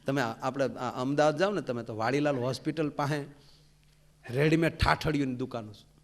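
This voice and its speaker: A man's voice: mid-range voice, brisk. A man, a folk comedian, telling jokes on stage and acting out the characters. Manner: animated, acts out characters, big loud swings. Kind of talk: live stand-up storytelling.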